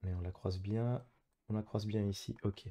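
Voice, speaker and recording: Here a man's low-leaning voice, dark in tone with fairly even intonation, moves at a moderate pace. He's a gamer in an online geography guessing match, talking casually through his own play in halting, bit-by-bit phrases.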